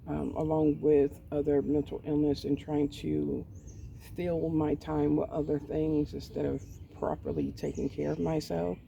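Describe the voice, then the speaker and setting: Slow, gravelly woman in her forties. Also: sits low, fairly even intonation, dark tone, far from the mic, lo-fi sound, a little hiss or hum. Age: 40s. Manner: hesitant, with many pauses and ums. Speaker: vlogger. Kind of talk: candid personal talk. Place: outdoors in a garden. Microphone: poor mic set away from the speaker.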